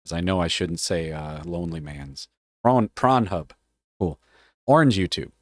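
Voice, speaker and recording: On a live stream, a man with a deep voice reads out a policy, trading casual jokes with chat and swearing a lot. He sounds animated yet unhurried, in studio-quality audio with no room sound. His tone is offhand and playful, with plenty of profanity.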